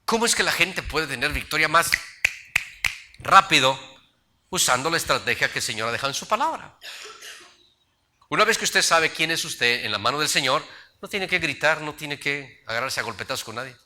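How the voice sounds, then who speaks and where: Bright-voiced pastor preaching. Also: male voice, fairly high pitch, expressive, normal speed, pauses often. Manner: storytelling preacher, acts out voices in his anecdotes. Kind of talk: sermon.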